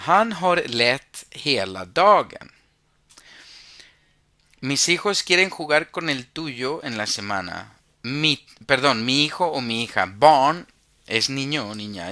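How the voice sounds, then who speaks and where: A man teaches a language at an unhurried pace, drawing out each example so it can be repeated. His voice is bright and crisp. The recording is dry and close, with no room sound. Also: mid-range voice, no echo. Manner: slow, deliberate, spells out words and pronunciation.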